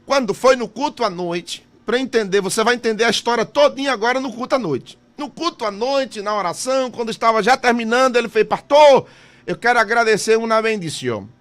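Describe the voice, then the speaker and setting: Male pastor preaching a testimony: fervent and emotional, with a high voice. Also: a little fast, few pauses, a bit bright. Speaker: missionary pastor.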